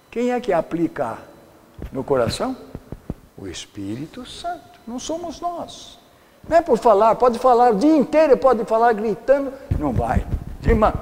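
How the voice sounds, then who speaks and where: Older male pastor, folksy and rambling sermon delivery, high lively voice. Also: slightly rough, big-room sound. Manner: folksy, rambling, searches for words. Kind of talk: sermon lecture.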